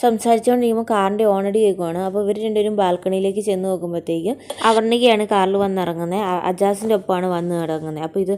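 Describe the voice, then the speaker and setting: A woman in a chatty, rapid retelling of a TV serial episode, full of repeated fillers. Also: mid-range voice, steady tone, warm tone. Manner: fast, chatty retelling that keeps repeating little filler words.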